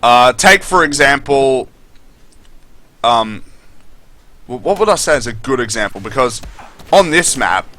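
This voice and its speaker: A man's voice: mid-range voice, animated, measured pace, pauses often, pushed and bright. A man giving unscripted, opinionated game review commentary as a video host, speaking bluntly with casual swearing.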